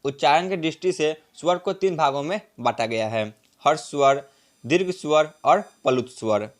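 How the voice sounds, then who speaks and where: A man's voice: fairly high pitch, expressive, moderate pace. A man teaching a grammar lesson, repeating each point and drawing out vowel sounds as examples. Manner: repeats points, tag "ठीक है ना" often.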